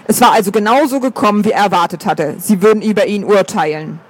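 Man reading an audiobook, high voice, steady storytelling. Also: fast, breathy edge. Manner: even, storytelling. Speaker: audiobook narrator. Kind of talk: scripted narration.

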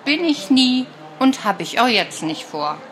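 A woman's voice: high-pitched, very animated, unhurried, a little hiss or hum, pitched above the performer's own voice. A woman voicing an aloof old grandmother who lives off-grid, speaking dryly and curtly in a storybook read-aloud.

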